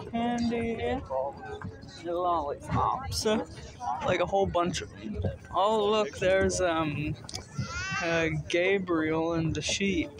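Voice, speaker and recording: A man vlogging outdoors at night on a hay wagon ride, narrating in a dry, deadpan, mock-enthusiastic way into a phone camera. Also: high-pitched. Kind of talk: casual sarcastic narration. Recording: vehicle noise outdoors.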